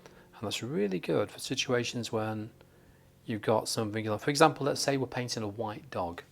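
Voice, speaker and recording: A man's voice: mid-range voice, moderate pace, creaky. Chatty man from northern England teaching. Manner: chatty and jokey, thinking aloud while painting. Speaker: watercolour tutor. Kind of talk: live painting tutorial. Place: painting desk under studio lights.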